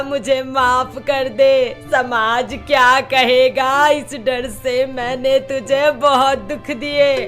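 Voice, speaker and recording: A woman voicing a stern older mother-in-law in a cartoon moral story, speaking slowly and harshly. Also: high voice. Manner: harsh, scolding.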